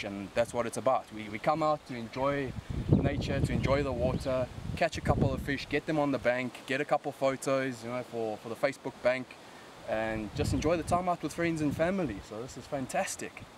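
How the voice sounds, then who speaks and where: A man's voice: mid-range voice, steady tone, brisk. A young man with a broad South African accent gives casual fishing commentary and tips outdoors on a river bank. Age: young adult. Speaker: angler presenting a fishing video. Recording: outdoor camera sound with background noise.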